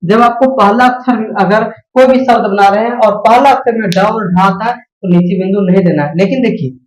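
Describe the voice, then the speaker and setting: A woman with a medium-pitched voice, speaking at normal speed, teaches children the Hindi alphabet. She explains patiently, repeats "है ना," and checks in with the pupils through little questions. The room is echoey and the recording rough.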